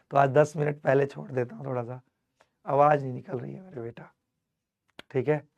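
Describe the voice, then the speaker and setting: A man teaching an online chemistry class with a strained, fading voice. He speaks to his students warmly and fondly, mixing in English terms. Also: mid-range voice, level tone, a little slow, vocal fry, muffled recording. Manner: affectionate, calls students "my child", mixes English terms. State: losing his voice, strained throat. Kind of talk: energetic online class lecture.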